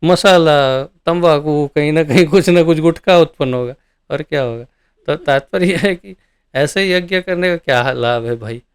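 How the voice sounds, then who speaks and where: A man's voice: a little high, normal speed, smooth. A man teaching a devotional scripture class, asking his listeners questions and animatedly explaining verses. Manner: animated, rhetorical questions to audience. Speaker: ISKCON preacher.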